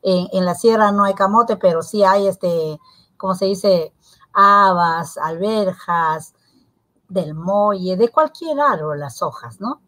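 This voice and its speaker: Slow-speaking woman co-host. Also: mid-range voice, fairly bright tone, low-quality recording. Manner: unhurried, searches for words while explaining. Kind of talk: televised language lesson.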